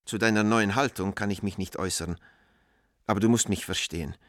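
In a radio drama, a man plays an anguished middle-aged letter writer, pleading with an old friend in formal, grave, measured and urgent phrases. His very low voice has a fairly bright tone and is recorded close and dry, lightly acted, with a resigned, sorrowful mood.

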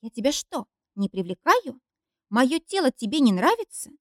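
Audiobook: clingy jealous young woman voiced by a woman reader, higher and louder, accusing, dry close sound. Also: sing-song, moderate pace, dry recording, exaggerated voice. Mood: pleading, jealous. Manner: emotional, accusing and whiny. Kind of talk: audiobook character reading.

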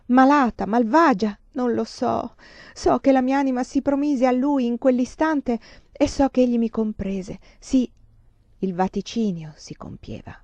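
A woman giving an expressive, dramatic reading of a first-person novel. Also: medium pitch, no echo. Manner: dramatic, emotive delivery. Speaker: reader of a novel. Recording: dry, slightly dull lo-fi recording.

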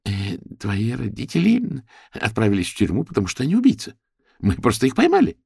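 A man voicing a calm, blunt woman who keeps her composure. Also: mid-range voice, brisk, vocal fry, husky, dry recording, clean studio sound, pitched above the performer's own voice, full character voice. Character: calm, level-headed woman, one of three ladies.

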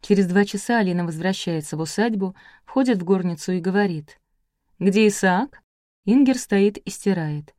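A woman reads a novel aloud with expressive, measured storytelling. Her voice sits at a middle pitch, and the recording is close and dry, with no room echo. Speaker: audiobook reader. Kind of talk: literary audiobook narration.

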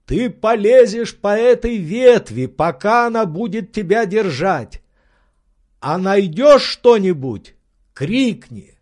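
A man reading an audiobook, voicing an excitable eccentric gentleman who shouts urgent orders. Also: high voice, takes it slowly, pitched above the performer's own voice, full character voice. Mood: frantic. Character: excitable eccentric gentleman, frantic treasure hunter.

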